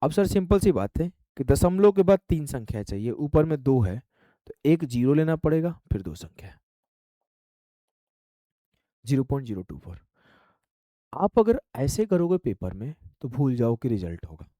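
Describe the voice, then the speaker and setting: Lively-pitched man teaching math, dry. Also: dry recording. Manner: brisk, drills numbers aloud, coaxing students. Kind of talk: classroom-style math lesson.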